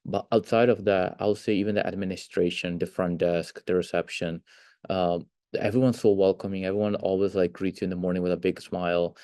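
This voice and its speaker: A man's voice: deep voice, steady tone, fairly quick, mellow, dry recording, clean studio sound. A young man from Italy, a former student, answering interview questions hesitantly with many fillers. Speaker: alumnus interviewee.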